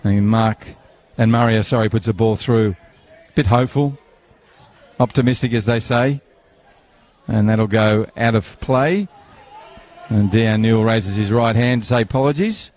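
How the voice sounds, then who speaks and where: A man's voice: fairly low pitch, a little slow, a little mellow. A man, commentating live on a football match outdoors, chatty and rambling, with banter and fillers.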